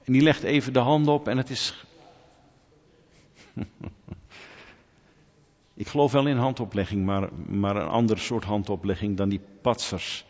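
A man preaching a sermon in church, animated and lively, swinging from quiet asides to loud, urgent calls. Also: lowish voice, a little slow, pauses often. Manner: animated preaching, rising to near-shouts when quoting. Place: church hall. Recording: muffled sound in a large reverberant hall.

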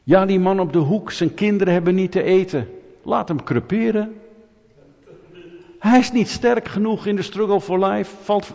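A man preaching to his congregation, throwing rhetorical questions at the room and teasing people in the pews. His voice sounds slightly husky and rings out with a long reverb through a church hall. The sound is dull and muffled. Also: high-pitched. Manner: lively, rhetorical, asks the audience questions, jokes with them. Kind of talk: sermon.

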